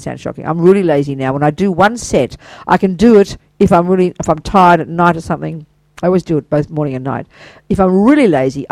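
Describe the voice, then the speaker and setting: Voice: medium pitch, vocal fry, no room sound, poor audio. Older buddhist teacher chatting thru a practice, super enthusiastic, lots of asides, dry close sound. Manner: chatty and enthusiastic, full of warm praise and asides. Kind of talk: informal dharma teaching to a small group.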